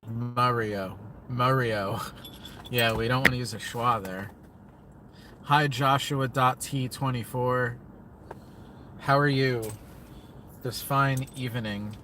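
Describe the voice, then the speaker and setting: This is casual livestream chat from a young man sitting in a parked car at night, his phone camera held out at arm's length. He talks to himself in a scattered, rambling manner at a medium pitch, with noise in the background.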